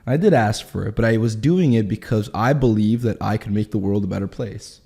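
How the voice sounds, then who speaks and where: A man of twenty, telling his story in a candid interview in quick, animated bursts. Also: lowish voice, vocal fry, husky. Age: 20s. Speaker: guest.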